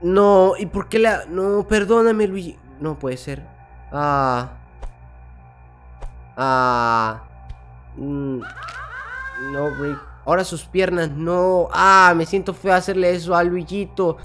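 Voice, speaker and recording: A man with a Mexican accent commenting on a horror game as he plays, jumpy and full of slang, who yells and laughs when something startles him. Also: high-pitched, slow, long pauses, faint music behind. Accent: Mexican Spanish. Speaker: gaming YouTuber.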